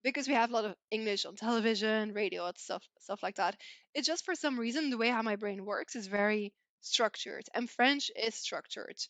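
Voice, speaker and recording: A woman's voice: fairly high pitch, fairly quick, fairly bright tone, no room sound. A young woman from Belgium, a native Flemish speaker with a slight Irish twang, chatting casually as a podcast guest and filling her talk with "like" and "you know".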